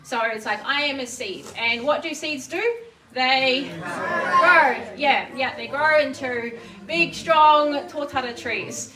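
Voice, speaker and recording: Nervous, high-voiced New Zealand woman preaching. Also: slow pace, a crowd in the background. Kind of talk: informal sermon to a gathering. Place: echoey indoor room before a gathering. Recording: distant microphone, echoey room, faint noise.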